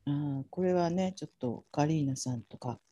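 A woman in her forties co-hosting a casual chat podcast, playful and quick to laugh. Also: deep voice, mellow, breathy edge. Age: 40s. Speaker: podcast co-host.

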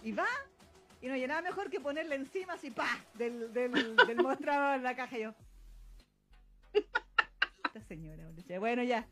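A woman's voice: high voice, expressive, normal speed, pauses often, over music. A woman with a Chilean accent co-hosting a casual podcast, telling stories with lots of laughter and acted-out dialogue. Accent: Chilean Spanish. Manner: giggly storyteller acting out dialogue. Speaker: podcast co-host. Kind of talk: casual chat.

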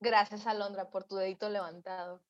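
A woman psychologist answering interview questions, telling lively stories and acting out what people said. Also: mid-range voice, a little fast. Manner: lively storyteller, acts out quotes. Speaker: psychologist guest. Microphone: video call. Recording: dull lo-fi call audio.

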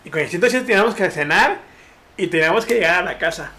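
High-pitched and rapid-fire, a young man on a podcast tells a story in casual, slangy talk. He's animated throughout and performs quotes in raised voices.

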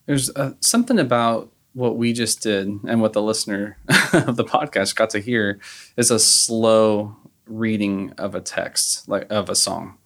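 A man's voice: on the low side, measured pace, gravelly, a bit bright. A man hosting a podcast, easygoing and chatty, laughing often as he talks. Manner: easygoing, laughs often, many fillers like you know. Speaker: podcast host. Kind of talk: casual podcast chat.

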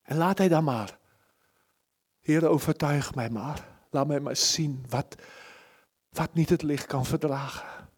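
Husky preacher swinging to whispers. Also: male voice, fairly high pitch, slow pace, pauses often. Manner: impassioned, swings from loud pleading to hushed whispers. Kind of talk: sermon. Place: church service.

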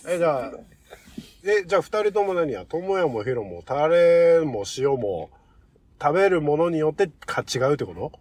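A man's voice: a little high, very animated, normal speed, a little mellow, no echo. A man chatting casually in a Tohoku Japanese dialect, bantering and opinionated as he leads the discussion. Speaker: host of a casual discussion show. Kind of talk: casual chat.

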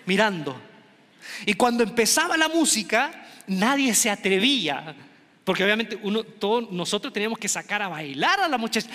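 A middle-aged man from Chile telling a comic story to an audience, animated and acting out the voices of the people in it. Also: high-pitched. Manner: animated, acts out quoted voices. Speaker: stand-up comedian. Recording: long hall reverb.

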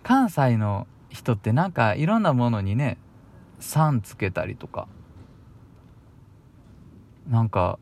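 A man's voice: medium pitch, sing-song, slow pace, long pauses, a little mellow. A young man with a Kansai accent talks by himself on a radio show. He rambles loosely and sounds a little bashful, with small chuckles between his thoughts. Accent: Kansai Japanese. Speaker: radio host. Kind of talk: casual solo radio talk.

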